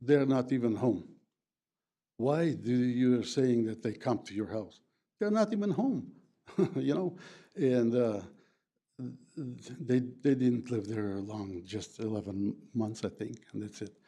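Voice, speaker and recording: This older Plattdeutsch-speaking man, originally from the former USSR, addresses a county board as a resident during public comment. His English comes out hesitant and grammatically broken, packed with fillers, in a husky, dark-toned voice of medium pitch.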